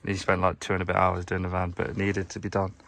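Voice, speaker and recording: A young man, a plumber, chatting casually to camera in a rambling, low-key way while tidying his van, filmed on a handheld phone. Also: monotone, fast, a bit bright. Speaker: plumber vlogger. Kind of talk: casual vlog narration while working. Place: inside a work van, outdoors nearby.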